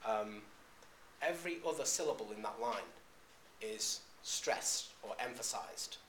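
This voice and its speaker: A man giving a classroom lecture, talking in a halting way with frequent "um"s and restarts. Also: on the low side, expressive, pushed and bright, slight background noise. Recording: echoey room recording.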